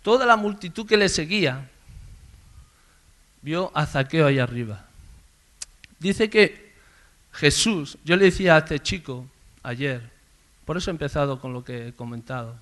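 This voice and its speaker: A man preaching a sermon in a conversational storytelling way, calling out names loudly. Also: fairly high pitch, expressive, measured pace, pauses often. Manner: conversational storytelling, swells loud on names called out. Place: church service.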